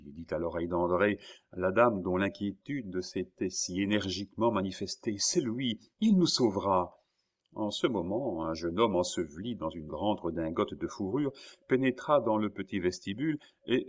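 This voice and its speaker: Homme au timbre grave qui lit un roman. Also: male voice, low-pitched. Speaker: audiobook narrator. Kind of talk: literary narration.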